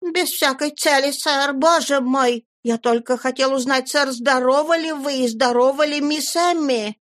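A timid, deferential young man from a storybook reading, his voice pitched high. He pleads earnestly and keeps addressing his elder as sir. A woman performs him. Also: a little slow, fairly bright tone.

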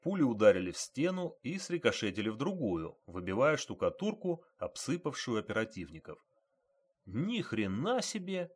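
A man narrating a crime novel as an audiobook with expressive, dramatic delivery. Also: lowish voice, brisk, few pauses, breathy edge. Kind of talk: audiobook crime fiction reading.

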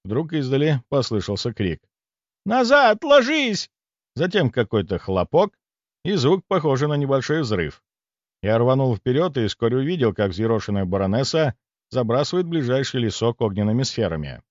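A man narrating a fantasy audiobook in the first person, expressive and storytelling. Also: mid-range voice, moderate pace, no room sound, muffled recording.

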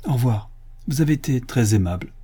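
Man reading a sulky young clerk, defensive, dark mellow tone, audiobook. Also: medium pitch, expressive, a little fast, husky. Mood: sullen. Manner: sullen and defensive. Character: sullen, cornered young male bank clerk. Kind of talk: audiobook character voice.

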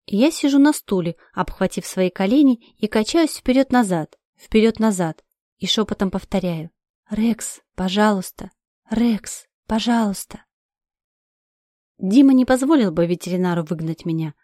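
Woman, mid-pitched, emotional first-person audiobook narration, dry close sound. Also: expressive, moderate pace, mellow, dry recording. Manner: emotional, urgent storytelling.

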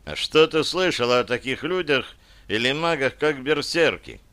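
Cool, measured dark magister, read by a man: bright and crisp tone, dry booth. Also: medium pitch, animated, dry recording, voice pushed up. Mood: grave. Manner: cool, measured, matter-of-fact. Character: calm dark magister, grave and secretive man.

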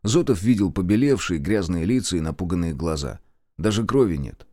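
Guy reading an audiobook, low voice, lots of swing in pitch, dry close sound. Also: animated, fairly quick, warm tone, dry recording. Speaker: audiobook narrator. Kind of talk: scripted narration.

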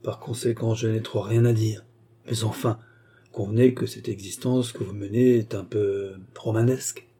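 Brief: man playing an indulgent, bewildered baron, dark husky voice. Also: fairly low pitch, fairly even intonation, normal speed. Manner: bewildered, exclaiming.

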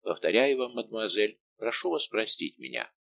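A man voicing a heartbroken young nobleman who speaks gravely and with passion in an audiobook. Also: lowish voice, expressive, moderate pace, a bit bright, dull audio, heavily acted. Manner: impassioned, grave. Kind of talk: audiobook dialogue reading.

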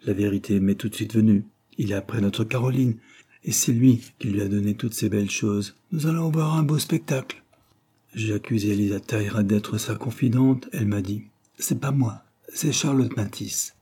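A man's voice: on the low side, normal speed, mellow, breathy edge. A man voicing an angry, gossiping working-class landlady who scolds indignantly, in an audiobook reading. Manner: indignant, scolding, breathless storytelling.

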